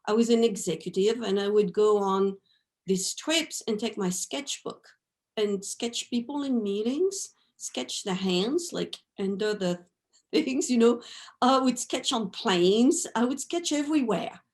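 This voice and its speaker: A French woman in her 50s, a guest artist, reflects on her life in an interview. Her fairly high voice is a little mellow and measured in pace, and she often adds "right?" and "you know."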